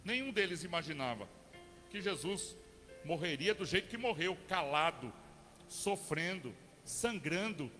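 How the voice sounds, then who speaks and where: A middle-aged Brazilian man preaching a sermon in church. He talks conversationally, asks the congregation questions and builds to fervent shouting. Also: sits high. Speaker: pastor. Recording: long church hall reverb with faint music.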